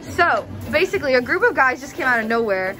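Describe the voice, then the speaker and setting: Very animated and brisk, this young woman's high voice sounds bright and forceful as she vlogs over background music. Her chat is casual and playful, sprinkled with exclamations and giggly asides.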